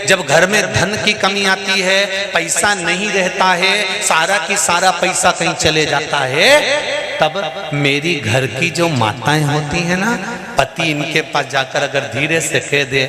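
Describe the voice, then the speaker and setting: A man giving a devotional sermon, emphatically telling stories to a live gathering and voicing the characters. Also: on the high side. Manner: emphatic, preaching to a live crowd, voices his characters. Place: large gathering hall with audience. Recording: echoey hall with live crowd. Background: crowd.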